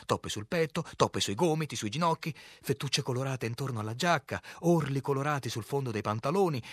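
A man narrating a novel as an audiobook, reading in a measured, clear way and acting out the quoted lines. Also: medium pitch, dry recording, studio quality.

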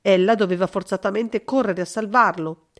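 A woman reading a classic novel aloud as scripted narration, in an even, measured way. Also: medium pitch. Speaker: audiobook reader.

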